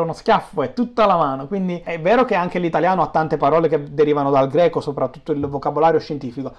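Higher-voiced Neapolitan man explaining, slightly dull audio. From Naples, Italy. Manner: didactic, explains with examples. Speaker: guest explaining the Neapolitan language. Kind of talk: informal explanatory interview talk.

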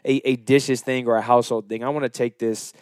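A young adult man co-hosting a casual podcast, explaining himself in a measured, earnest way. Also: mid-range voice, little pitch movement, a little mellow, no room sound, clean studio sound. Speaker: podcast co-host. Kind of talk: casual chat.

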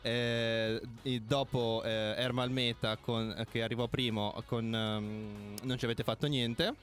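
Male co-host, casual banter, halting and searching, music underneath. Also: medium pitch, steady tone, fairly bright tone. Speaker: radio co-host.

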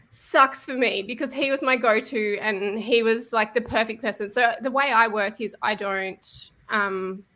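A woman's voice: medium pitch, sharp tone. A woman, a web designer, talking casually in a panel chat, with many fillers.

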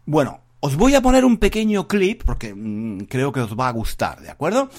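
A man's voice: medium pitch, big pitch swings, moderate pace, darkish tone. A man giving a casual Spanish lesson podcast, repeating phrases emphatically and speaking straight to learners. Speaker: Spanish teacher.

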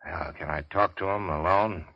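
In a vintage radio crime drama, an actor plays a wounded big-shot racketeer who is shrewd, wry and world-weary, using clipped, slangy tough-guy talk. His low voice is natural, with fairly even intonation and moderate pace, no room sound, and a dull vintage radio quality.

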